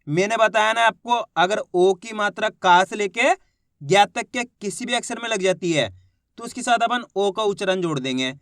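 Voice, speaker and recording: Guy with a fairly high voice doing a reading lesson, spells out each syllable slow, dry close sound. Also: a bit bright, dry recording. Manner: slow syllable-by-syllable drilling, repeats checks. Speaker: Hindi reading teacher.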